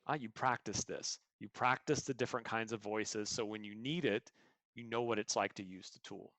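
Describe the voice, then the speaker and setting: On a podcast, a man interviewed as a coach uses stories and examples to earnestly explain his thinking. His fairly low, fairly bright voice keeps a fairly even intonation at normal speed, recorded without echo.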